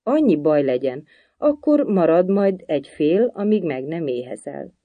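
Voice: mid-range voice, sing-song, no room sound, narrow, tinny audio. A storybook reader voicing a sighing, lecturing hatter at an endless tea party. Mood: gloomy. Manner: sighing, lecturing, sings a nonsense song.

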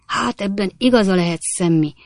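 A woman voicing a grumpy old man who grumbles gruffly. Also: medium pitch, no room sound, studio quality, close to an everyday voice. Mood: grumbling.

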